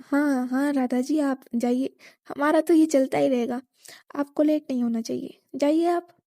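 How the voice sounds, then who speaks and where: A woman's voice: sits high, fairly even intonation, a little slow, warm tone, no echo, studio quality. A woman voicing a bossy elder sister who scolds her younger sister in jest. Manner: scolding, mock-stern. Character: bossy elder sister, sharp-tongued hostess.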